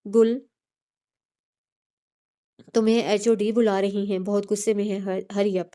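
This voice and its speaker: A woman voicing a flustered young female student who rushes through pleading apologies, in a storybook reading. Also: medium pitch, level tone, dark tone, clean tone, close to an everyday voice.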